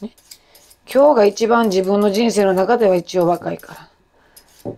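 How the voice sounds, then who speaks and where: A woman in her forties with a Kansai accent and a loud, rough-throated voice, chatting in a rambling, self-deprecating way while she cooks. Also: mid-range voice, moderate pace. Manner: chatty, self-deprecating, jumps between topics. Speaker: cooking vlogger. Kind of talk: casual chat while cooking.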